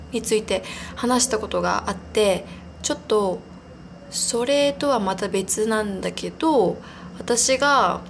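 A woman's voice: medium pitch, slight background noise. A young woman in her twenties hosting a casual solo podcast, chatting in a rambling, giggly, self-deprecating way. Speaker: podcast host.

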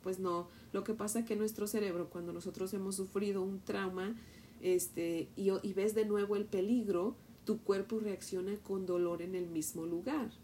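A middle-aged Mexican woman with a Mexican accent, teaching from the Bible and telling a personal story in an animated way, often asking "¿verdad?". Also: mid-range voice, normal speed, a little hiss or hum.

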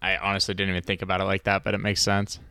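A man with a somewhat low voice co-hosting a podcast. He chats in a laid-back way about TV, mostly agreeing and tossing in teasing jokes. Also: monotone, very fast, pushed and bright, clean tone, no room sound. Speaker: podcast co-host. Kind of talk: casual TV review chat.

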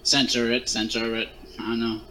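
A man's voice: medium pitch, monotone, moderate pace, bright, forceful tone, a little hiss or hum, poor audio. A man chatting casually as a co-host, giving blunt, profane, slangy off-the-cuff commentary. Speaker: co-host of a wrestling watch-along.

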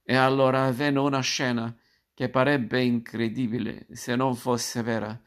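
A man reading a classic fairy tale aloud, narrating in a measured, expressive storytelling manner. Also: medium pitch.

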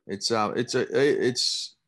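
Deep laconic Australian man. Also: fairly even intonation, slow, sharp tone, slightly rough. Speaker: podcast guest, amateur footballer. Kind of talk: casual chat.

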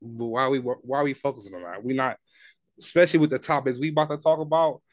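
A man in his twenties co-hosts a podcast in an easygoing, slang-heavy chat, often stopping and restarting mid-thought. His voice sits at an ordinary male pitch. The recording is dry and close, with no room sound. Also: quick pace, no echo. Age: 20s. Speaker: podcast co-host. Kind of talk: casual chat.

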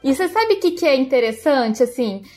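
A woman's voice: high voice, lively intonation, fairly quick, darkish tone, soft background music. A Brazilian woman hosting a pet podcast, explaining cat behavior in a casual, friendly way. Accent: Brazilian Portuguese. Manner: explanatory, friendly, restarts phrases. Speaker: podcast host, pet expert.

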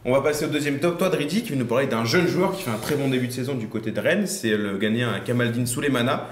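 A man's voice: medium pitch, fast, roomy sound. A man hosting a football panel show, introducing segments and handing over to guests. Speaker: host.

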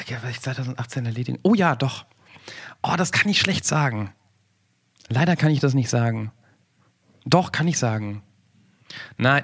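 A man in his forties talking casually and thoughtfully on a podcast, rambling with frequent restarts and fillers. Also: medium pitch. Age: 40s. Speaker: podcast co-host.

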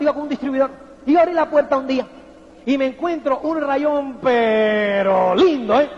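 High-voiced man giving a motivational seminar. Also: vocal fry, darkish tone. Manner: rhetorical, keeps asking "¿me entiendes?"; acts out little quoted voices. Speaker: motivational speaker. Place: hall with an audience. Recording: dull lo-fi audio with long hall reverb.

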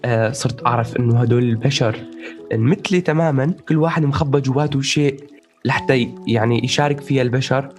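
Man, Levantine Arabic accent, mid pitch, rapid conversational delivery, explanatory, light music bed. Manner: explanatory, checks in with listener, mixes in English words. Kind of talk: casual conversation about personal experiences.

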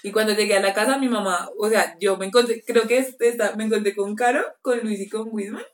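A young woman telling a story in a casual podcast chat, animated and laughing often as she acts out quotes. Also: mid-range voice, brisk, roomy sound. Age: young adult. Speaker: podcast co-host.

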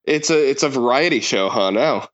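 A man's voice: medium pitch, animated, normal speed, dull audio. A man co-hosting a sports podcast on a mic, bantering wryly and casually. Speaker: podcast co-host.

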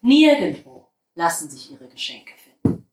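A woman narrating a children's storybook in a soft, calm, expressive way. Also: fairly low pitch, a little slow, roomy sound, low-quality recording.

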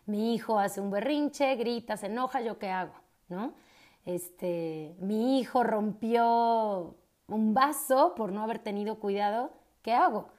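A woman's voice: mid-range voice, a little slow, a little mellow. A middle-aged woman, a coach hosting a reflective solo talk, asking many rhetorical questions. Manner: conversational, asks many rhetorical questions, tag "¿no?". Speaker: podcast host and coach.

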